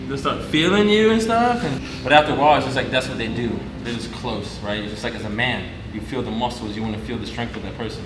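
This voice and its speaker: Soft-spoken man in an echoey room. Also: medium pitch, recorded from a distance. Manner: relaxed, rambling, soft-spoken. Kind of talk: casual storytelling. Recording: echoey room, noisy background.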